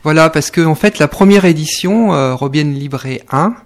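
A man's voice: a little high, normal speed. A man, guest in a radio studio interview, talking with many fillers and restarts. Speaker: guest, neighbourhood committee co-president.

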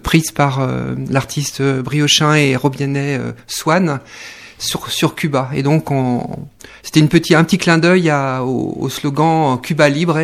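A man's voice: medium pitch, steady tone, unhurried, gravelly. A man, guest in a radio studio interview, talking with many fillers and restarts. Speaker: guest, neighbourhood committee co-president.

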